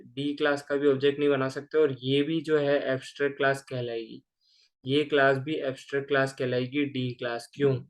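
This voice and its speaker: A man giving a casual programming lecture, explaining step by step and often checking in with the listener. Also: medium pitch. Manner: conversational, keeps asking "ठीक है ना?". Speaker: programming teacher. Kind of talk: casual screen-recorded coding lecture.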